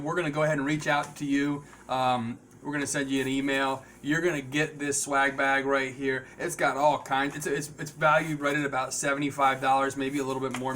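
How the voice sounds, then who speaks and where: A man hosting a casual, unscripted podcast, rambling and halting as he repeats words and addresses viewers. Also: medium pitch, level tone, fairly bright tone, a little hiss or hum. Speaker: podcast host.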